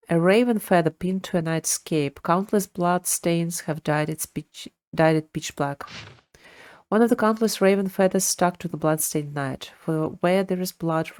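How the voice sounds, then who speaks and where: A woman streamer with a low, slightly mellow voice gives live commentary on a video game, reading its lore aloud as game music plays behind her.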